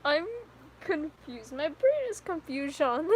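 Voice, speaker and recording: A woman's voice: sits high, big pitch swings, slow, a little mellow, a little hiss or hum. A fifteen-year-old girl chatting on a live stream, telling rambling stories with lots of giggles and fillers. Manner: giggly, rambling storyteller with many "like"s. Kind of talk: casual live stream chat with viewers.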